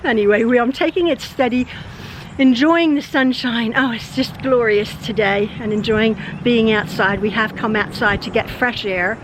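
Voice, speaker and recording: Birdsong fills the noisy background as an older channel host films a relaxed vlog outside in her backyard. Still worn out and hoarse from being sick, she speaks in a high voice at normal speed, meandering along with many fillers and bursts of laughter.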